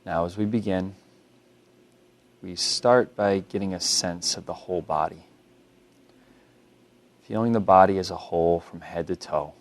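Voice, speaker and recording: In this body scan meditation, a man with a low voice gently instructs the listener. He takes the role of a mindfulness teacher and stays calm and unhurried throughout.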